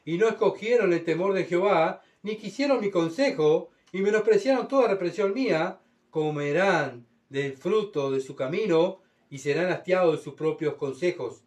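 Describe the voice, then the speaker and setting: A man's voice: high voice, animated, moderate pace, darkish tone. A man preaching a sermon, reading scripture and acting out voices with dramatic swings. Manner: dramatic, voicing God and mocking crowds in heightened tones. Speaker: pastor. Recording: voice from far off the mic.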